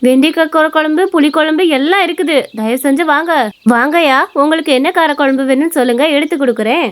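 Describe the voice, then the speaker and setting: A woman voicing a kind, caring young village woman in a cartoon story, who talks earnestly and gently. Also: sits high, fast talker, natural voice. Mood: cheerful.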